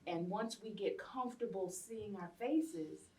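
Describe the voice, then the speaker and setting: Speaking a little slowly in a slightly mellow, medium-pitched voice, this American guest speaker and educator argues passionately on a panel, repeating phrases to drive points home. She is in her late fifties and from Los Angeles. The audio is rough and picked up from afar.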